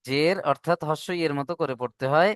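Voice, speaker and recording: Male Quran-reading tutor, patient and repetitive. Clear, slightly high voice on a dry close mic. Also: no room sound. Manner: patient, drills syllables slowly and repeats. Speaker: Arabic reading teacher. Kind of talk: online class instruction.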